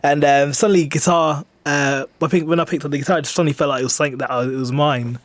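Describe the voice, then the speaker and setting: An English singer-songwriter in his twenties chats casually in a radio studio interview, rambling and self-deprecating with hesitations. He talks fast in a steady, higher voice, and there is no room sound.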